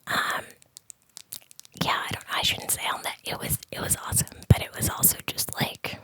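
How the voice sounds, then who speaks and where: A woman from the San Francisco Bay Area whispers a rambling ASMR chat in a soft, breathy voice, close on the microphone, hesitating and circling back as she goes. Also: moderate pace, poor audio. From San Francisco Bay Area, United States. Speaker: ASMR host. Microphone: close ear-to-ear ASMR microphone.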